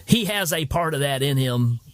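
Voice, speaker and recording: A man from Tennessee with a Southern accent, chatting as a podcast host. His voice sits fairly high, and he tells stories with energy, slipping into the voices of the people he quotes. The sound is dry and close. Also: moderate pace, dry recording. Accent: Tennessee Southern American. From Tennessee, United States. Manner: animated storyteller, acts out quoted voices. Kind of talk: casual storytelling chat.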